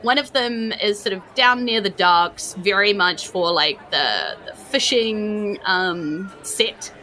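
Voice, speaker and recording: Running a tabletop game as game master, a New Zealand woman improvises her descriptions in a relaxed, colloquial way, assembling them as she goes. Her voice is medium-pitched, slow and sharp-toned, with music playing in the background.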